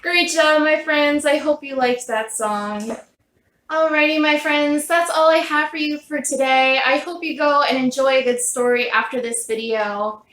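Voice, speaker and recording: A woman's voice: high voice, a little slow. A woman leading a children's sing-along in a kindergarten teacher voice, encouraging and simply phrased for small children. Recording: roomy echo with loud ukulele music. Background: ukulele playing.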